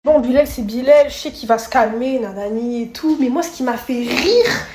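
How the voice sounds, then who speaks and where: Young woman, chatty casual rant, fairly high voice, echoey room. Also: moderate pace, darkish tone. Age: young adult.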